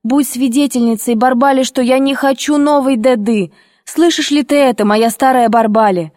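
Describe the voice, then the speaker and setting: A woman's voice: mid-range voice, fairly even intonation, moderate pace, mellow, dry recording, studio quality, close to an everyday voice. A woman voicing a proud, hurt young girl who speaks earnestly and tearfully. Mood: pleading.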